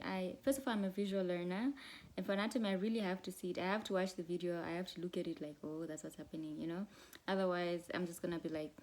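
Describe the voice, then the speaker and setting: A woman in her twenties, a medical student, chatting in a bubbly, rambling vlog with quick asides. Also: lowish voice. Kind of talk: casual vlog chat. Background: loud music from another room.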